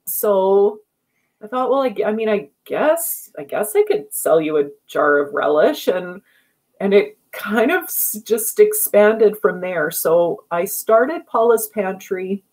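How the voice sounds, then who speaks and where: A woman guest in a casual interview, telling stories in a chatty, animated way and laughing often. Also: mid-range voice, takes it slowly, poor audio. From Canada.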